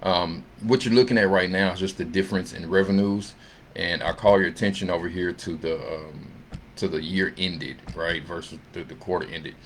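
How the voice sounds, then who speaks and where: A deep-voiced male presenter gives an off-the-cuff rundown of investment earnings over slides, with audible background noise. His intonation is fairly even, and he speaks in a conversational, halting way, using tag questions to seek agreement.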